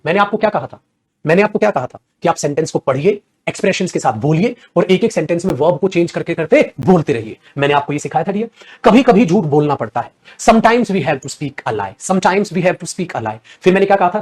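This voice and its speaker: High-voiced Indian man teaching English. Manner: animated, coaxing, mixes English lines into explanations. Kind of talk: online class lecture.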